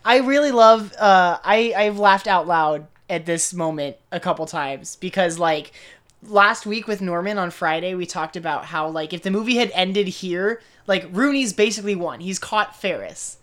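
A woman's voice: on the low side, moderate pace, fairly bright tone. A woman co-hosting a fan podcast, chatting casually and enthusiastically in a millennial way, often saying "like". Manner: casual millennial speech, peppered with "like". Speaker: podcast co-host.

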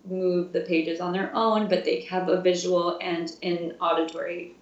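Speaking in a fairly low, flat and unhurried way, this twenty-something music therapy intern talks casually during an interview, with lots of fillers and laughter. The audio comes across as distant, dull and roomy.

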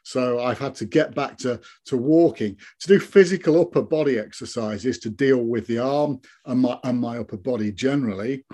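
A man in his early fifties with a mid-pitched voice speaks as a guest in an interview. He gives a reflective personal account, earnest and matter-of-fact in his delivery. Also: moderate pace, few pauses, mellow. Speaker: interview guest, stroke survivor.

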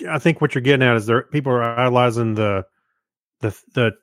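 A podcast co-host talks in a casual, conversational way. His medium-pitched voice is brisk, and the recording is dry with clean studio sound.

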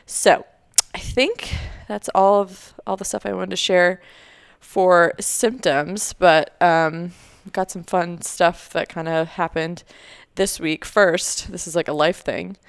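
A woman's voice: fairly low pitch, takes it slowly, vocal fry, hardly any pauses, smooth, no echo, studio quality. A young woman co-hosting a podcast, chatting casually with lots of fillers and easy laughter. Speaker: podcast co-host. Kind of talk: casual chat.

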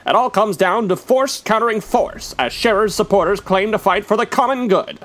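A man's voice: sits high, animated, moderate pace, a bit bright. A man narrating history segments in a comic mock-newsreel announcer style, dry and wry. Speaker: radio show host.

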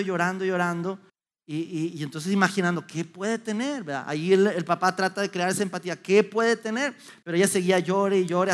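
Bright-voiced man giving a talk. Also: high voice. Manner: animated storytelling with many restarts. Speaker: youth speaker. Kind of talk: motivational talk to an audience.

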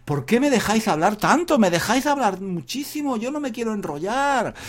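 A middle-aged man hosting a casual podcast for learners, energetic and full of repetitions and laughter. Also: high-pitched, fairly quick. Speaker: podcast host, Spanish teacher.

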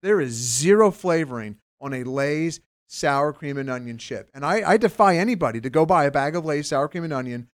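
A man from Pennsylvania co-hosting a podcast, chatting casually with emphatic, animated opinions and frequent restarts. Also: fairly high pitch, a little fast, few pauses, no echo, clean studio sound. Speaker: podcast co-host. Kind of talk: casual chat.

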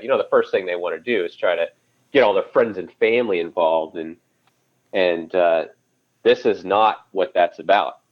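Low-voiced man heard over a phone line. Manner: conversational, often restarts and says "you know". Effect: heard over a phone call. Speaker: podcast guest. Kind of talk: casual interview storytelling. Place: calling in from home area by phone.

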